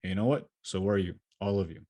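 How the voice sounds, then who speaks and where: A man's voice: deep voice, fast, mellow, dry recording. A man giving a motivational keynote from his home setup over a video call, speaking earnestly and often restarting and repeating his words. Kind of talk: motivational talk answering questions.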